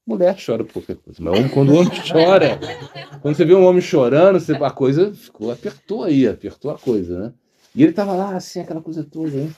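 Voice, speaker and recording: A man's voice: on the high side, big pitch swings, fast, warm tone, muffled recording. A man, a monk, giving an informal spiritual talk, telling rambling anecdotes and acting out the people he quotes, often laughing. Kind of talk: informal spoken discourse with anecdotes.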